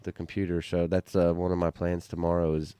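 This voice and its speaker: A man's voice: low-pitched, level tone, a little fast, dark tone, clean tone, no echo. A man in casual podcast chat, telling a story in a rambling way with lots of fillers and restarts. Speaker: bowhunter on a hunting podcast.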